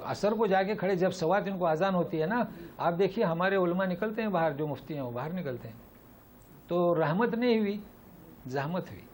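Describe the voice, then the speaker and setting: Man, Islamic teacher, Quran lesson, emphatic, repeats rhetorical questions, fairly high voice. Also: expressive.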